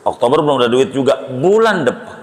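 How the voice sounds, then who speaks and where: A man's voice: mid-range voice, animated, fast talker, a little hiss or hum. A male Islamic preacher, giving a humorous, storytelling sermon. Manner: joking, storytelling, conversational.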